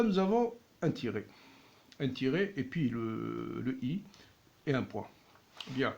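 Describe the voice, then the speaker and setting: A man teaching with a patient, deliberate delivery that often repeats words slowly for his students. His pace is very slow and unhurried, and the recording sounds dull and lo-fi. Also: mid-range voice, creaky, darkish tone. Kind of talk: slow classroom explanation.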